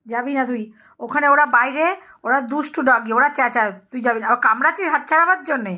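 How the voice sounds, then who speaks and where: High-voiced woman coaxing her pet dog. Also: a little fast, bright, forceful tone. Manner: coaxing and scolding in baby talk. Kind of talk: casual talk to a pet.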